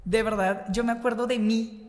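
A woman, a radio host, chatting casually in an interview and talking very fast in an animated way. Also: fairly high pitch, over music. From Colombia. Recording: long room reverb.

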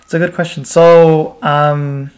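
A man in his twenties with an American accent, from the United States, Pakistan, Bangladesh and Qatar, candidly tells his personal story as an interview guest. He speaks informally, constantly using "like" and checking in with "right?". His voice is a little high, with a slow, flat delivery.

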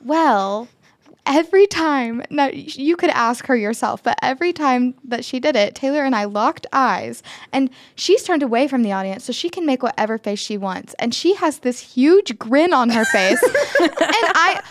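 A woman's voice: sits high, moderate pace, dry recording. A young woman chatting casually about a play she acted in, telling stories with lots of giggling. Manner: giggly, animated storytelling. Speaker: student actor recalling a play. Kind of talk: casual chat.

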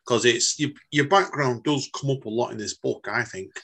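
Husky English podcast host. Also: male voice, mid-range voice, moderate pace, a bit bright. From England. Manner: rambling, many fillers and restarts. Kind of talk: casual podcast chat.

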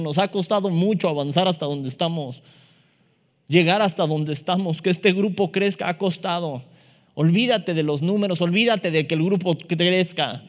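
A man preaches a sermon, and his voice sits a little high for a man. He is animated and slips into other voices for the people in his stories. The sound rings with the long reverb of a large hall. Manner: animated, acts out dialogue in shifting voices. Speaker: pastor.

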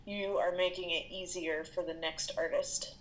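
A woman's voice: on the low side, steady tone, moderate pace, a bit bright, a little hiss or hum, poor audio. A woman freelance artist in casual conversation, thoughtful and searching for words. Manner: thoughtful, many fillers and restarts. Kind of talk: casual chat.

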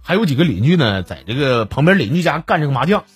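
Joking Northeastern Chinese man, lively high voice. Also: fast talker, soft background music. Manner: joking, laughing at his own punchlines. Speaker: comedy podcast host. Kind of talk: comic storytelling and reading listener messages.

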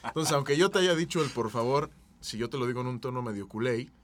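A man's voice: medium pitch, expressive, fast talker. A man with a Mexican Spanish accent who hosts a casual chat and playfully acts out everyday scenes to make his points.

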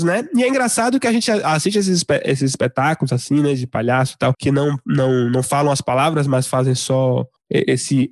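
A man's voice: fairly high pitch, darkish tone, no echo. Hesitant man with dry close sound. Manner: hesitant, many restarts and fillers; reflective, explanatory. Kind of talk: casual discussion.

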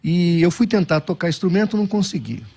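A middle-aged Baptist pastor from Brazil, appearing as a guest, answers interview questions with animated, self-deprecating anecdotes. His somewhat high voice moves at a brisk clip, and he often restarts his sentences.

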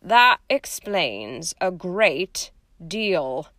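A woman reading aloud and voicing a brisk older woman professor who speaks tartly, dryly and impatiently. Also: mid-range voice, big pitch swings, a bit bright, no room sound. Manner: tart, dry, impatient. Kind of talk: storybook reading.

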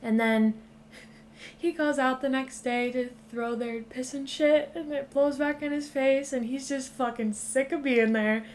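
A woman's voice: high voice, fairly even intonation, unhurried, slight background noise. A woman hosting a podcast, casually recapping a movie plot with loose phrasing and frequent swearing. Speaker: podcast host. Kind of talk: casual chat.

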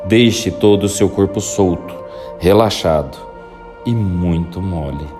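A man guiding a listener through a hypnosis induction with slow, soothing, repetitive instructions. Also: low voice, music in the background.

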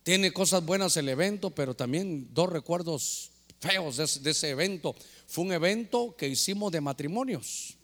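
Middle-aged pastor guy preaching, high bright voice, big hall reverb, gets loud then drops soft. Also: expressive, normal speed. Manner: preaching with swings between loud fervor and hushed storytelling. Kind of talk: sermon.

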